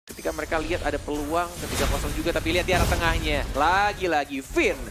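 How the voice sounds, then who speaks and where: High-pitched, excited Indonesian male esports announcer. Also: very noisy. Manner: excited, exclaiming, drawn-out calls. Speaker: esports shoutcaster. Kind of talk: live play-by-play game commentary, like a fighting game announcer. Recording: game music behind the voice.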